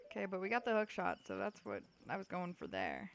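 A woman's voice: fairly low pitch, big pitch swings, a little fast, vocal fry. A young woman giving chatty, goofy gameplay commentary, swearing freely as she plays. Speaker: let's play host.

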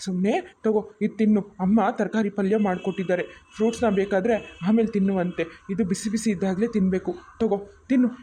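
A woman voicing a calm, caring young husband in a cartoon, who speaks in a soothing, reassuring way. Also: medium pitch, fast, hardly any pauses, slight background noise, natural voice.

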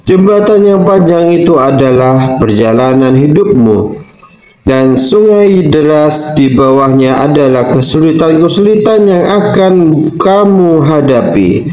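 A man voicing a clever, wise male court advisor who speaks with calm, soothing reassurance in a storybook reading. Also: fairly high pitch, measured pace. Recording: roomy echo.

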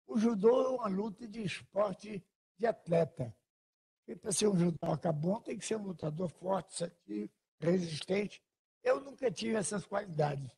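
An older man with a husky, breathy voice, mellow and dark in tone and set higher than most men. He recalls things slowly and deliberately. The audio comes from an archival television interview. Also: lively intonation. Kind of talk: recorded interview.

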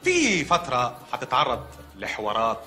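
An actor with an Egyptian Arabic accent playing an odd male hospital doctor who calmly delivers absurd news in a film comedy. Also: medium pitch, moderate pace, faint music behind. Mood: matter-of-fact.

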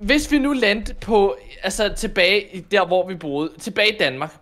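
A young man playing Minecraft in role-play with a friend, rambling and hesitant with many fillers, breaking into excited shouts. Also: sits high. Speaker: co-host of a gaming channel.

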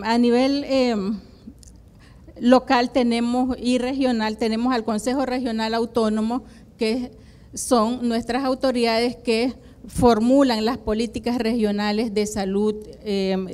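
Presenting at a conference with a handheld mic, a woman who coordinates a university program and comes from the Atlantic coast of Nicaragua addresses the room, where flags stand beside a projection screen. Her voice is mellow and a little high. She keeps a steady explanatory pace, though she hesitates often with "em" and "eh."

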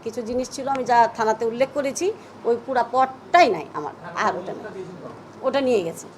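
Reading a prepared statement to the press before vehemently recounting the events, a middle-aged woman with a Bangladeshi Bengali accent sounds agitated. She speaks at a fairly high pitch and moderate pace, with slight background noise.

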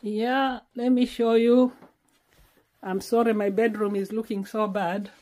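A Kenyan woman of around sixty vlogs casually from her small home, holding a phone camera at arm's length and pleading with repeated words. Her voice is on the high side, warm and flat, and a little slow.

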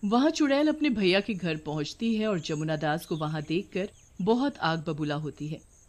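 A woman narrating a cartoon storybook. Her delivery stays even and soft, moving the tale along. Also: lowish voice, moderate pace.

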